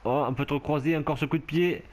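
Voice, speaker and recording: A man's voice: fairly high pitch, fast talker. A man casually commentating his own rugby video game match, getting worked up and laughing at the play. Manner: excitable, shouts and laughs at the game. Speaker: gameplay commentator.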